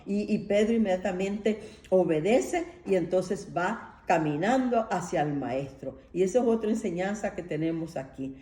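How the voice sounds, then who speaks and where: A woman delivers a sermon in a warm, dark-toned voice, speaking conversationally and often turning to her listeners with a questioning tag. Her voice carries a roomy echo. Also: on the low side, lively intonation, normal speed. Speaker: preacher.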